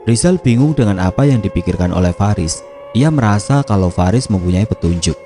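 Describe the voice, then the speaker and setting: Low, mellow male horror narrator. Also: expressive, a little fast, faint music behind.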